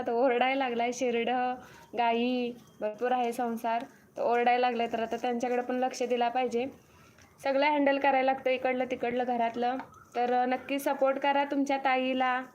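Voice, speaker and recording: Slight background noise accompanies this young woman's high-pitched voice as she hosts an easygoing live stream at her farm home near the cattle shed. One viewer at a time, she says hello, reads the comment aloud and offers repeated thanks by name.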